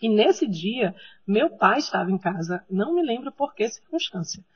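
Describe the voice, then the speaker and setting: A woman's voice: mid-range voice, big pitch swings, normal speed, breathy edge. Woman telling a devotional story. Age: 30s. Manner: conversational, frequent tag questions. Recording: slightly muffled recording.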